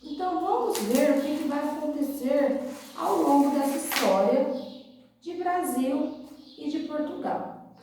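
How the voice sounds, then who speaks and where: A woman's voice: high-pitched, animated, unhurried, far from the mic, background noise. A Brazilian woman teaching preschoolers like a kids show host, explaining simply and repeating herself as she tells a story to small children. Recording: very echoey room, away from mic.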